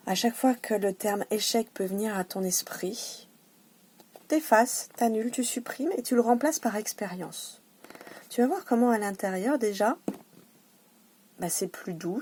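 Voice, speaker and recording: A woman who works as a wellness coach, offering private sessions and massages, gives casual self-help talk in an encouraging way, with hesitant restarts. Her voice is mid-range and husky, and she drops to a soft hush when guiding breathing exercises.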